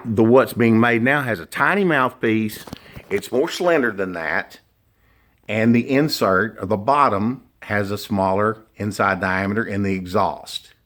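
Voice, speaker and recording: Middle-aged guy explaining his handiwork, really slow and deliberate, kinda low voice, states things flat out. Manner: deliberate, emphatic, opinionated. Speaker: duck call maker. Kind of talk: informal product explanation and demonstration.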